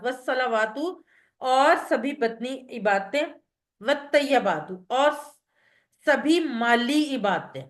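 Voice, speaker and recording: A woman's voice: sits high, fairly bright tone. A woman teaching a revision lesson in a patient manner, breaking each word into parts and translating it. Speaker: Quran teacher.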